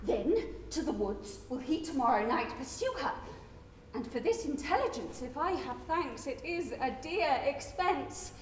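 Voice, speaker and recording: A scheming, lovesick young woman in a Shakespearean soliloquy. She speaks slowly in a high, bright voice. The recording has a long hall echo. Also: very animated. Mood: lovesick, resolved. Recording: echoey hall recording, faint noise.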